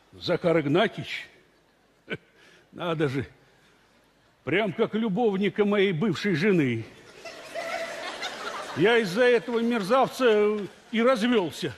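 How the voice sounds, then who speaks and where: An actor on a comedy stage playing a sly man who talks slowly with a chuckle. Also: high voice, a little hiss or hum. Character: sly man charming a woman mushroom-picker.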